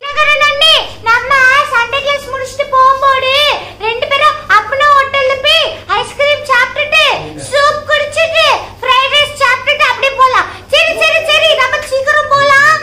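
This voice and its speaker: Chinki, a squeaky cheeky little girl voiced for a kids' skit. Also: steady tone, moderate pace. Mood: cheerful. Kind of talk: Sunday school skit for children. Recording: echoey room with faint noise.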